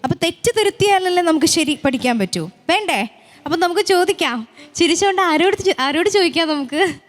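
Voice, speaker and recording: A woman hosting a children's TV singing contest, chatty and lively as she hands over to the judges. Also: very high-pitched, a little fast. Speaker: show host. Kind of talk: TV show hosting.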